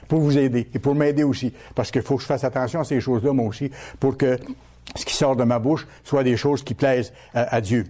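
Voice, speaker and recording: A man's voice: mid-range voice, dark tone. A man preaching a sermon as a pastor, teaching by repeating key words and asking his listeners questions.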